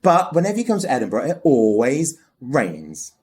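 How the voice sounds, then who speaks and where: Animated, gushing man from England. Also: mid-range voice, moderate pace. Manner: theatrical, gushing, calls people darling. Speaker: podcast host. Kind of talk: casual chat. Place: festival venue.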